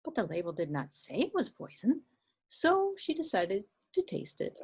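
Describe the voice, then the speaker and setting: A children's librarian with a husky, mid-range voice tells kids a story using puppets. Her storytelling is animated, slow and expressive.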